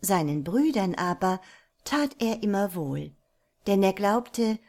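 A woman narrates a folk tale aloud at a very unhurried pace. Her medium-pitched voice stays calm and measured. She tells the story as a storyteller reading from a book.

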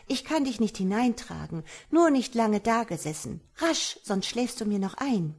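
An anxious, protective young woman from a storybook, played by a woman reader. She speaks high and urgently, with a slightly husky edge. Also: sing-song, normal speed, a little mellow. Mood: brisk.

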